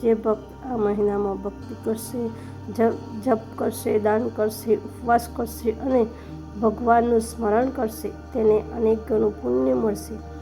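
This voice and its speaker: A woman voicing a kind male god who speaks gently and comfortingly in a devotional tale. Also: on the high side, level tone, measured pace, creaky, over music, low-quality recording. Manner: gentle and comforting, read in narrator's own voice.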